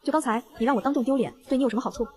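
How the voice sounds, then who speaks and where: A woman's voice: sits high, very fast, a little mellow, natural voice. A woman reading the lines of an abusive young husband in a novel, wheedling by turns and snappish by turns. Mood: irritated. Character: pleading, then irritable abusive young husband.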